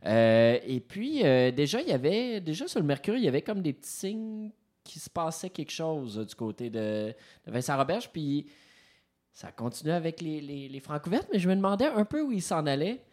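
A man's voice: fairly high pitch, sing-song, normal speed, darkish tone. A man, presenting music picks on a radio show and filling his sentences with hesitant fillers. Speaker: music columnist. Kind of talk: casual radio review.

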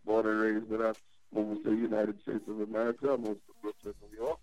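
Calling in over a phone line, a Trinidad and Tobago-born man in his forties is a guest DJ in a casual interview, telling his story loudly and with animation. His voice is fairly low and fairly quick, and the audio sounds dull.

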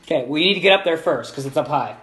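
Man, high voice, game master, casual halting narration, tabletop game. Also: animated, a bit bright, slight background noise.

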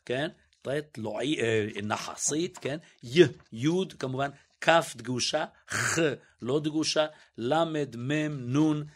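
Male expert guest, average pitch, methodical and a little hesitant, demonstrates pronunciations aloud. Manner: hesitant, self-correcting. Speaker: guest linguist. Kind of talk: explanatory interview talk.

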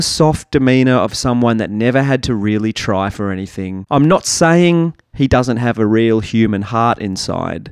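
A man's voice: mid-range voice, a little mellow, clear, resonant tone, no room sound, studio quality. A man, co-hosting a podcast in casual, sarcastic chat with mocking impressions. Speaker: podcast co-host. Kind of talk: casual chat recapping a reality show.

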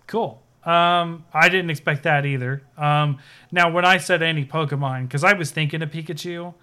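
A man's voice: a little high, fairly even intonation, normal speed, pushed and bright, smooth. A man co-hosting a casual podcast, rambling with lots of fillers and restarts. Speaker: podcast co-host. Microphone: video call setup, sharing his screen.

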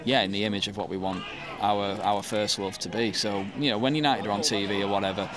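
A man's voice: on the low side, fairly even intonation, fast. A man in his thirties with a Manchester accent, chatting casually in an interview with lots of ums and restarts. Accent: Mancunian. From England. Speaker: football fan interviewee. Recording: crowd noise behind.

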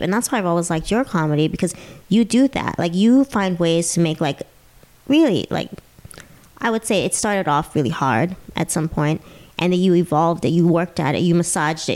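A woman's voice: lowish voice, a little mellow. A woman with a Valley Girl accent talking as a podcast guest, in casual confessional chat full of "like" and "you know". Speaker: podcast guest, stand-up comedian.

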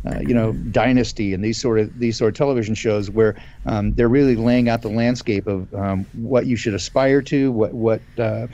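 A man's voice: on the low side, fairly even intonation, moderate pace, few pauses, dark tone, muffled recording. A man in his fifties co-hosting a casual live-stream talk, hesitant, with many fillers and restarts. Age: 50s. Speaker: podcast co-host.

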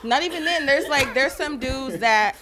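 A woman's voice: high-pitched, animated, normal speed, crowd noise. Coy woman answering on a podcast. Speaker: podcast guest. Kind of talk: casual group podcast chat.

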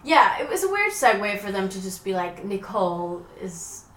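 A woman's voice: mid-range voice, very animated, normal speed, a bit bright, reverberant, slight background noise. A woman co-hosting a podcast in casual chat, talking with lots of fillers and acting out quotes. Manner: chatty, lots of fillers, laughs and acts out quotes. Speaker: podcast co-host.

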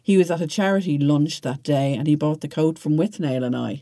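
Mellow-voiced woman telling stories. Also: deep voice, a little fast. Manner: animated storytelling with many fillers. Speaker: podcast guest. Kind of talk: casual chat, anecdotes.

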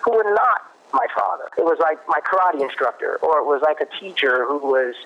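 A man explaining parenting research in a conversational way, pausing and restarting as he thinks. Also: fairly high pitch, expressive. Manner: thoughtful, restarts often, cites research. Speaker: guest expert on parenting. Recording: muffled lo-fi audio.

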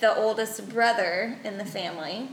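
A woman's voice: medium pitch, moderate pace, echoey room, slight background noise, low-quality recording. Playful teasing woman in her thirties. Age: 30s. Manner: playful, teasing, laughs often. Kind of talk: casual chat.

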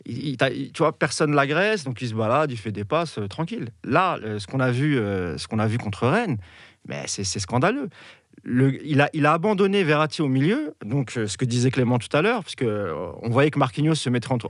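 Animated man debating football. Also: mid-range voice, fairly quick, no room sound, studio quality. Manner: animated, mocking, hands over the floor. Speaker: football show panelist.

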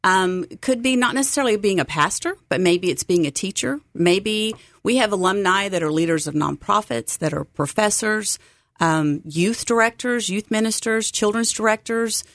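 Upbeat and earnest, a middle-aged Texan woman who coordinates a seminary site talks as a guest in a conversational radio interview. She speaks at a normal pace in a medium, fairly bright voice, and the recording has no echo.

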